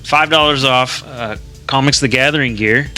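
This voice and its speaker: Podcast guy with a super bright voice, rambling through plugs with lots of uh's and cussing, faint music behind. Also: mid-range voice, normal speed. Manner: loose, joking, lots of swearing and fillers. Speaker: podcast co-host. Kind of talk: casual chat.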